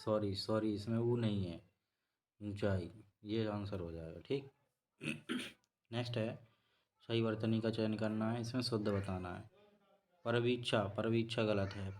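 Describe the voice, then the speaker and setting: A man teaching a spelling lesson for exam preparation, repeating each word slowly and correcting himself as he goes. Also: fairly low pitch. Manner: slow, repetitive explaining, self-correcting. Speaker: Hindi teacher.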